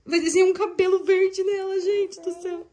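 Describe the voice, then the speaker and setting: A woman's voice: very high-pitched, moderate pace. A young woman chatting to viewers while filming her family at home on a phone. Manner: lively, chatty, talks to viewers. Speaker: vlogger mother. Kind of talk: family vlog chat. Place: home indoors. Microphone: phone camera.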